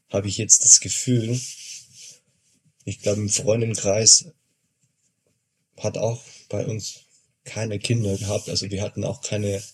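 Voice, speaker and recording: A man in his forties from Argentina, with a lowish voice. He talks slowly and hesitantly in a relaxed podcast conversation, often pausing to find his words. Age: 40s. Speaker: podcast guest, father. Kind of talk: casual chat.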